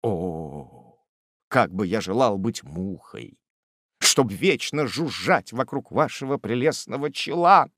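A man voicing an ardent, gushing middle-aged suitor who declaims with effusive, drawn-out exclamations, in a storybook reading. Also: medium pitch, big pitch swings, fairly bright tone, slightly rough, no echo, studio quality, exaggerated voice. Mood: impassioned.

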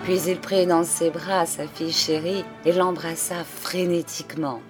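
A woman reading a classic short story aloud as an audiobook, with measured, deliberate narration. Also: fairly low pitch, fairly even intonation, loud music behind the voice. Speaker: audiobook reader.

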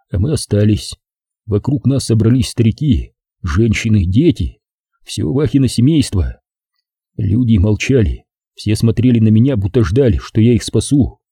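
A man reads a first-person audiobook with a very dark, husky voice. His intonation rises and falls with the story, and he acts out the dialogue with feeling. The recording is dry and close. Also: mid-range voice, dry recording. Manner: expressive storytelling with acted dialogue. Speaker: audiobook narrator.

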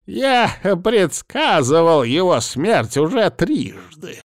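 Man voicing a bitter old healer, strained high yelling with a gravelly edge, very slow and dry, curt. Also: big pitch swings, dry recording, exaggerated voice. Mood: grumbling. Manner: shouting, strained and drawn-out. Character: irritable old male healer, furious and bitter.

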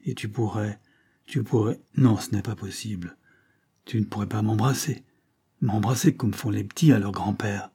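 A man voicing an old male tramp who speaks in a halting, emotional way in an audiobook. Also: on the low side, mellow, husky. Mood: hesitant.

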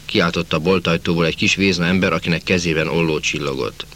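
A man reading a novel aloud in the first person, in a measured, dramatic way. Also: deep voice, fairly even intonation, fairly bright tone. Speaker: audiobook narrator.

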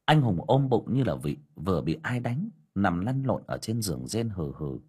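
A man narrating an audiobook story in a colloquial, lively storytelling manner. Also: lowish voice, moderate pace, breathy edge.

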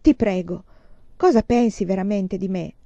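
A woman's voice: mid-range voice, moderate pace, mellow, no echo, muffled recording, lightly acted. A woman voicing a determined young woman who presses earnestly for an answer in a storybook reading.

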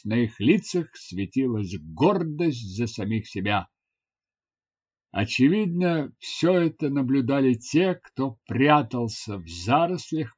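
A man narrating a first-person adventure novel in a dramatic, expressive reading, on a dull lo-fi recording. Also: medium pitch, slightly rough. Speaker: audiobook narrator.

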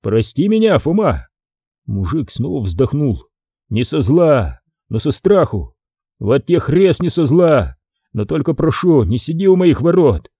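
Peasant: man reading a fearful, churchy villager, raised voice, lively lilt. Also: on the high side, measured pace, husky, no echo, studio quality, pitched above the performer's own voice, full character voice. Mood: pleading. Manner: pleading, folksy. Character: timid, pious middle-aged peasant man.

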